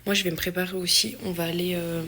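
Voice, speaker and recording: A woman's voice: fairly low pitch, level tone, pushed and bright. Chatty young French woman vlogging. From France. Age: young adult. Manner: chatty, exclamatory, quick asides. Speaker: student athlete vlogger. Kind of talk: casual vlog chat. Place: college campus.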